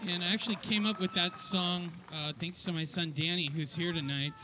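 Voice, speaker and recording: A man's voice: high voice, fairly even intonation, a little fast, music in the background. A middle-aged man, the writer of the musical, making chatty, rambling remarks to a live audience.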